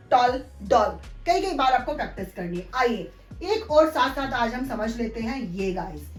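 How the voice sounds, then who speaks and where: A woman teaching English pronunciation, spelling words out letter by letter and slowly correcting common mistakes. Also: high-pitched, echoey room, low-quality recording. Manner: corrective, addresses viewers as guys. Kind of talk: spoken English pronunciation lesson.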